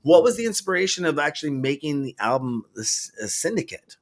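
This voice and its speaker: A man's voice: fairly high pitch, very animated, fairly quick. A man hosting an interview, asking long, meandering questions in a casual tone. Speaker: interviewer host.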